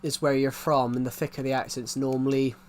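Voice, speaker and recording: His delivery is flat and fairly quick, in a mid-range voice, with slight background noise behind it. He is a young game streamer from the UK, outside London, whose regional British accent is thick. Chatting casually on a live stream, he rambles, repeats himself and restarts often.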